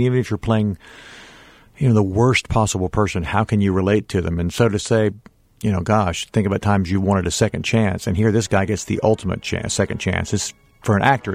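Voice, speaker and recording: A male stage actor chatting in a radio interview, thoughtful and animated, laughing now and then. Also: on the low side, vocal fry, dry recording. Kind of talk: casual interview chat.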